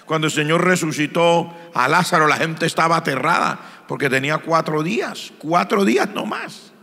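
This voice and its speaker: A Colombian man preaching a Pentecostal sermon as pastor, storytelling and swinging between hushed and loud delivery. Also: fairly high pitch, very animated, moderate pace, creaky, long reverb tail. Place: church.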